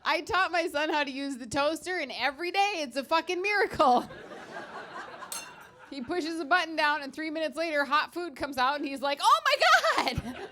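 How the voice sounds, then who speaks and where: A woman in her thirties doing a stand-up comedy set on a club stage, with a brash, profane, tired deadpan delivery. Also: sits high, normal speed.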